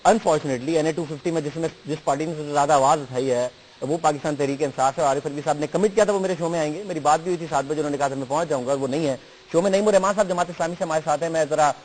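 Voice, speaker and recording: A man's voice: on the high side, a little mellow, a little hiss or hum, low-quality recording. A man hosting a news talk show, pressing his guest and repeating his questions politely.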